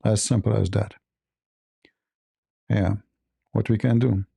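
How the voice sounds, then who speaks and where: A man hosting a livestream debate, raspy and mocking, halting with many fillers. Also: fairly low pitch, fairly even intonation, warm tone, dry recording. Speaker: host.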